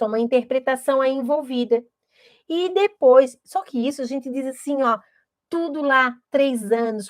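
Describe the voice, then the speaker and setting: Lady teacher explaining stuff, high voice, dry close mic, keeps going "né?". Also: no echo. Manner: didactic, checks in with "tá?" and "né?". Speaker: literacy educator.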